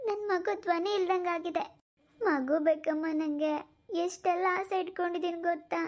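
A woman's voice: extremely high pitch, steady tone, normal speed. A woman voicing a grief-stricken young mother in a cartoon, sobbing and pleading. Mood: distraught. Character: young mother, grief-stricken over her missing baby. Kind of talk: cartoon voice acting.

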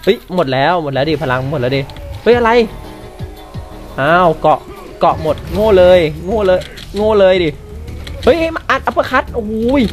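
A man's voice: high-pitched, very animated, moderate pace, faint music behind. A man commenting live as he plays a video game, exclaiming and swearing at what happens on screen. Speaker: gamer. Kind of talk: let's play commentary.

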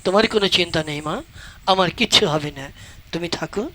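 A man voicing a calm, wise holy man in a folk puppet show, speaking in a preaching tone. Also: fairly high pitch, fast. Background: loud folk music.

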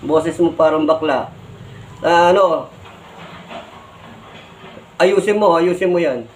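Filipino vlogger guy lecturing, kinda high voice, keeps saying "no?", faint noise behind. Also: slow pace, low-quality recording. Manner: lecturing, repeats "no?" and "di ba?" as tags. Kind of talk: scolding explanation to camera.

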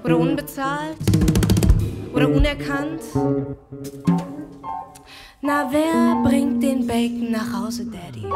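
A woman from Iran performing spoken word poetry, with rhythmic, repeated rhetorical questions. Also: high voice. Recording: loud music behind the voice.

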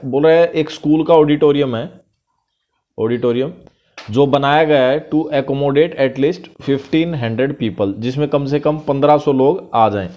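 Heard in lo-fi audio, a man with a mid-range, dark voice teaches math with an Indian accent. He explains a worked problem step by step over a screen recording, reading each English question line slowly.

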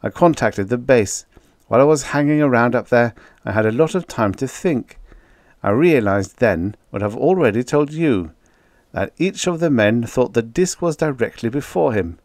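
A man voicing a calm but insistent male fighter pilot. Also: medium pitch, moderate pace, dry recording, studio quality, pitched above the performer's own voice, natural voice. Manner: earnest, insistent.

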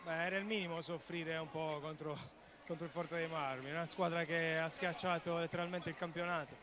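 A man's voice: on the high side, fairly even intonation, fairly quick. A man in his thirties giving a post-match interview as an athlete, on a handheld microphone in a noisy sports hall. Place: large indoor sports hall.

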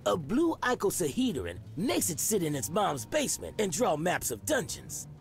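An actor playing a paranoid, irritable store owner in a comedy video game, agitated and exasperated. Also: male voice, high voice, wildly swooping pitch, normal speed, full character voice. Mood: explaining. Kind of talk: animated comedy adventure game dialogue. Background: music.

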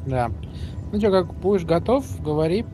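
A man's voice: fairly high pitch, expressive, moderate pace. A man playing a video game, chatting casually with his co-op partner and muttering to himself. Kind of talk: casual co-op gameplay chat. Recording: game music behind the voice. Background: spaceship game music and sounds.

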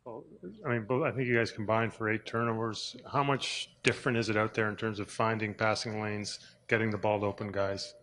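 A man's voice: on the low side, level tone, fairly quick, few pauses, fairly bright tone, slight background noise. A man, a reporter asking hesitant questions at a postgame press conference.

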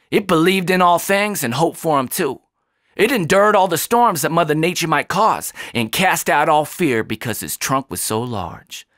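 A man in his thirties reciting a rhymed spoken word poem, his voice rising and falling with animated swings in pitch. The sound is close and dry from a studio microphone in a small home studio. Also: no room sound. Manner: rhythmic, expressive rise and fall, emphatic line endings. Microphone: studio condenser mic on stand.

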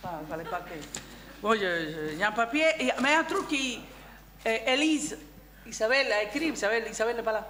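A woman on a cooperative's board giving a candid personal speech at a general assembly, halting, with many restarts and fillers. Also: a little high, lively intonation, fairly bright tone, reverberant, a little hiss or hum. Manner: candid, chatty.

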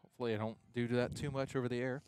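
A young man calling a college baseball game play-by-play, chatty and loose, getting excited on big plays, with the hiccups. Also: medium pitch, very fast, smooth, no room sound. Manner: conversational, excited on big plays, self-correcting. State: has the hiccups. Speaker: play-by-play announcer.

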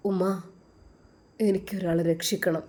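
A woman voicing a devout young man who speaks softly and earnestly in a storybook tale. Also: fairly low pitch, steady tone, a little slow. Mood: pleading.

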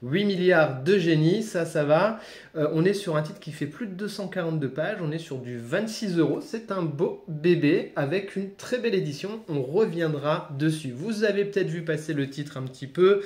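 A man's voice: on the high side, animated, normal speed, a little mellow, echoey room. A man casually reviewing a comic book for his channel, enthusiastic, with frequent fillers and restarts.

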